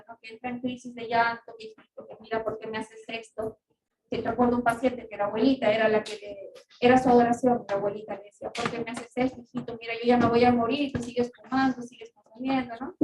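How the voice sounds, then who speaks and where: A woman's voice: a little high, a little mellow. Woman lecturing from a distant mic. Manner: explanatory, with frequent checking tag questions. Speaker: psychiatry lecturer and clinician. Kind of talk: recorded class lecture. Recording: roomy, distant mic, faint noise.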